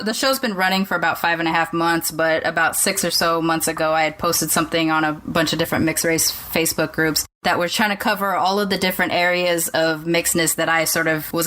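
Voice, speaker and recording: Woman, podcast host, slightly low voice, upbeat, long run-on sentences. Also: a bit bright. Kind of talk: casual interview.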